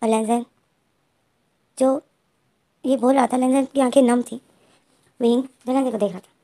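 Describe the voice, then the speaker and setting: A woman's voice: fairly high pitch, fairly even intonation, moderate pace, mellow. A woman with a Hindi accent casually retelling a fan fiction story, voicing both characters' lines herself and talking directly to her listeners.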